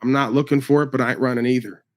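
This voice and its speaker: A man's voice: mid-range voice, steady tone, rapid-fire, a little mellow. Profane New man ranting. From New York. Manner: profane, confrontational, mocking. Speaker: livestreamer. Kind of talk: angry livestream rant.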